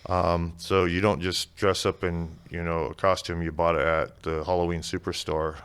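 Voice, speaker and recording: A man talking in a relaxed, plain-spoken way as a guest in a casual interview, explaining things at an easy pace. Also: low-pitched, moderate pace, clear, resonant tone. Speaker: museum executive director and Native dancer.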